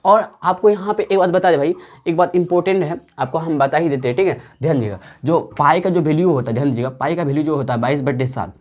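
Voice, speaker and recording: A woman's voice: deep voice, darkish tone. A woman teaching a maths lesson online. She explains patiently, repeats herself often, and asks and answers her own check-in questions. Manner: patient, drawn-out explaining pace with frequent fillers. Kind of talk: online classroom lecture.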